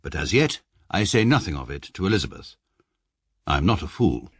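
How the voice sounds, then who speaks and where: A pompous, precise English barrister of thirty-three, in his 30s, narrates and leads a radio drama in the first person. His male voice is deep and moves at normal speed, with a dry, self-satisfied, deadpan manner.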